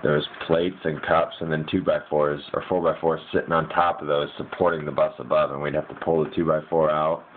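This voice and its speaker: A man's voice: extremely low pitch, little pitch movement, a little fast, hardly any pauses. A man casually rambles through a dream he had, piecing it together in a hazy, puzzled way with informal, slangy wording. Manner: informal slangy speech with mild swearing. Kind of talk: casual rambling first-person dream recounting. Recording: muffled lo-fi mic with hiss.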